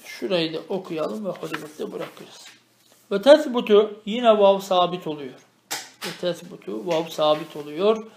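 A man teaching a traditional grammar lesson. He reads Arabic phrases slowly, explains them, and keeps asking the student questions. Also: high voice, creaky, a little mellow, roomy sound, slight background noise. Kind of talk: traditional religious lesson, explaining a text line by line.

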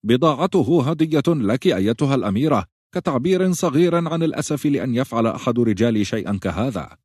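A man voicing a wiry little caravan master in a fantasy audiobook, brisk and bossy. The voice jumps far above the narrator's own and comes out louder. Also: medium pitch, sing-song, husky, no echo, clean studio sound, voice pushed up. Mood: apologetic. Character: small, leathery male caravan master, brisk and apologetic.

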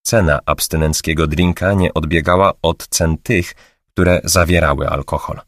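A man reading an audiobook in steady, scripted narration. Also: extremely low pitch, moderate pace, dry recording.

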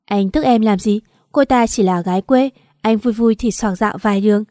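A woman's voice: mid-range voice, moderate pace, warm tone, no room sound, clean studio sound, lightly acted. A woman voicing a mocking, arrogant married man who taunts his wife. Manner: sneering, taunting.

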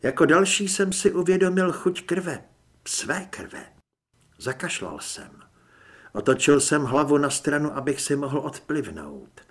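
A man narrating a first-person audiobook with dramatic, lively storytelling. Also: on the high side, slightly rough.

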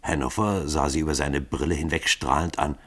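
A man narrating an audiobook in a measured way, dropping low at speech tags. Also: steady tone, a bit bright. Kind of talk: scripted narration.

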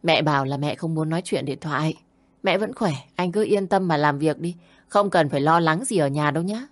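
A woman's voice: low voice, a little fast, natural voice. A woman voicing a scheming young daughter-in-law who sweet-talks on the phone and hisses through her teeth when angry. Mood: sugary.

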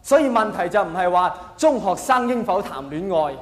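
With lively intonation and a high voice at moderate pace, a man with a Hong Kong Cantonese accent does live stand-up comedy. He acts out characters he quotes and throws rhetorical questions to the audience, all captured in an echoey hall with long reverb and slight noise.

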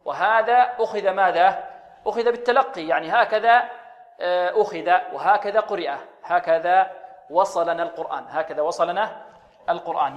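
A man teaching tajweed in a Quran recitation lesson. He poses questions and answers them himself, and he chants his examples slowly and drawn out. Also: high-pitched, fairly bright tone, long reverb tail.

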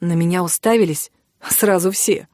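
A woman narrating a first-person fantasy audiobook in a measured, expressive reading. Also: fairly low pitch, dry recording, studio quality.

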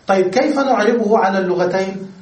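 A man with a high-pitched voice gives a patient classroom grammar lecture. He lays out each rule step by step and keeps asking the class if they follow. He is recorded from across an echoey room, so his voice sounds distant. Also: fast talker, a little mellow. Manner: explains step by step, often checks understanding with questions. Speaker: Arabic grammar teacher. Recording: echoey room, voice far from the mic.

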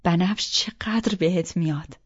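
A woman voicing a caring middle-aged mother who fusses gently over her daughter, in a soft, homely way, on a dull lo-fi recording. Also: fairly low pitch, breathy edge. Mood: gentle, fussing.

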